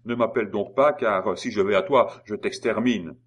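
A man voicing a gruff, hot-tempered male sergeant who blusters loud threats. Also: on the low side, normal speed, voice pushed up. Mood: threatening.

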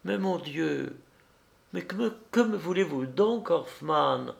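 Man doing a scared young mom, soft and high, pleading quietly, storybook reading. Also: lively intonation, measured pace, gravelly. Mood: frightened pleading. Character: frightened young mother, pleading and gentle.

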